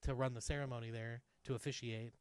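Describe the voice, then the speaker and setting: A man co-hosting a podcast in casual chat, trading dry, deadpan quips. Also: medium pitch, fast talker, smooth. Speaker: podcast co-host.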